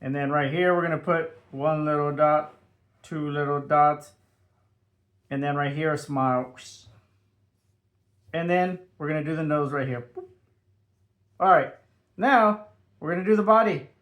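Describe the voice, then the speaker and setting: Upbeat high-voiced man teaching kids to draw. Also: moderate pace, long pauses, a bit bright. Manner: upbeat, sing-song, adds playful sound effects. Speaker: drawing teacher for children. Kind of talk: step-by-step children's drawing tutorial.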